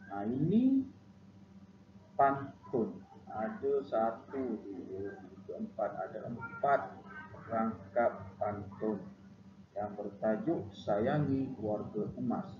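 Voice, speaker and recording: A male primary school teacher with a Malaysian Malay accent, giving a recorded online lesson, repeating himself with frequent "ah" fillers. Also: lowish voice. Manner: repetitive, frequent "ah" fillers, instructive. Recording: echoey, dull lo-fi, noisy.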